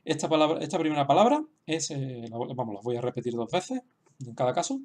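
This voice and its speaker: A man explaining a writing lesson slowly, with frequent fillers and restarts. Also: medium pitch, big pitch swings, darkish tone. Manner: hesitant, many restarts and fillers; slow, explanatory. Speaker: language teacher. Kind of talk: online lesson.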